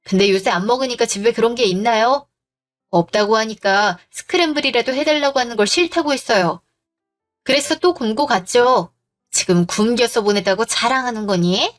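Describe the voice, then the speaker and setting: Woman narrating her own story, firm and calm, kinda high voice. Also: moderate pace, soft background music. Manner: firm, composed. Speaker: narrator and wife. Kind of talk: first-person story narration.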